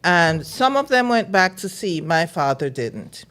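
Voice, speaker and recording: A middle-aged woman from Jamaica talks as a guest on an interview show, laying out her thoughts in a calm, measured way. Her voice sits a little on the low side. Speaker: guest, librarian. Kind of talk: casual interview talk.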